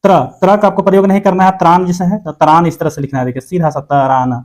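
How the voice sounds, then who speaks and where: A man with a fairly high voice leads an exam-prep language lesson. He explains each point step by step and says the example words slowly so the viewer can follow. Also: darkish tone. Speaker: teacher.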